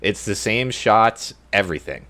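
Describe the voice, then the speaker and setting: A man co-hosting a casual gaming podcast, talking in an animated, profane, rambling way. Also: on the low side, measured pace. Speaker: podcast co-host.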